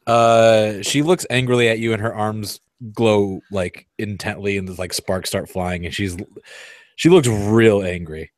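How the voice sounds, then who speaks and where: A man narrates a tabletop role-playing game as its game master. His voice sits low and sounds dry. He talks loosely, slightly tipsy, and trips over his restarts. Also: steady tone, a little slow, no echo. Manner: laughing, loose, stumbling restarts. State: tipsy from wine.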